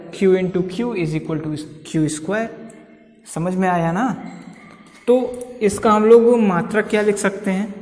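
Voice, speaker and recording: A man's voice: high-pitched, a little mellow, big-room sound. A man with an Uttar Pradesh Hindi accent teaches a physics lesson at a board, repeating key terms and checking in with students. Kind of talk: blackboard lecture.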